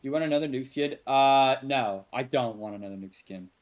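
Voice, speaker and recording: A man's voice: mid-range voice, a little fast. A young man with a Texan accent, rambling casually and answering chat while streaming a game, with frequent laughs. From Texas.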